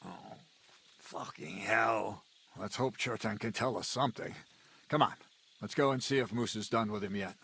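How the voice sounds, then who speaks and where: A man's voice: fairly low pitch, normal speed, gravelly, a bit bright, slightly rough, exaggerated voice. A man voicing a blunt, common-born commander in a game who swears freely and gives orders. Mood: exasperated.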